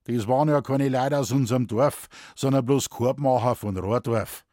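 A man voicing a gruff, deadpan old forest warden with a Bavarian accent, telling tall tales in dialect. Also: mid-range voice, moderate pace, no echo, clean studio sound, natural voice.

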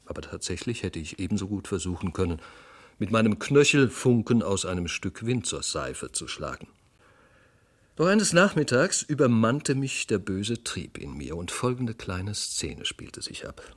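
A man reading a classic story aloud as a radio audiobook, narrating in the first person with dramatic, expressive delivery. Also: on the low side, moderate pace. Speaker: audiobook reader. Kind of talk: scripted literary narration.

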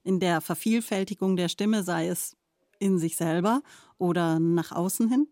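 A woman interviewer asking formal, measured questions of a guest. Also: lowish voice, dark tone, no echo, clean studio sound. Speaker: radio interviewer.

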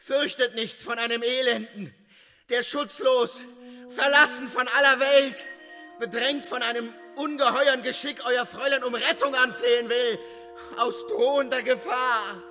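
A man's voice: extremely high pitch, steady tone, a little slow, sharp tone, full character voice. A man voicing a desperate young man who pleads urgently, in dramatic audiobook acting, with long reverb and music behind. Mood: pleading.

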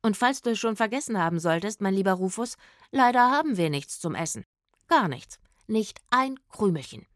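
A woman voicing a calm, dry-witted young male vagabond musician who speaks in a matter-of-fact way in an audio storybook. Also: medium pitch, moderate pace, dry recording, close to an everyday voice. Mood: explaining.

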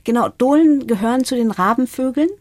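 A woman's voice: a little high, a little fast, darkish tone, no echo, clean studio sound. A middle-aged woman, a researcher explaining her work in a podcast interview in a thoughtful way. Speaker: guest, parrot and raven researcher.

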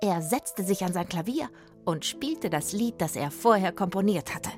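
A woman reading a children's story aloud with lively expression. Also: mid-range voice, normal speed, music in the background. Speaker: story reader.

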